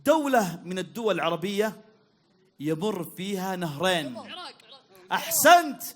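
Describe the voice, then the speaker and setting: High, lively Saudi man hosting a quiz. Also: normal speed. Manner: upbeat, teasing, repeats praise and calls to the crowd. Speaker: quiz host at a public event.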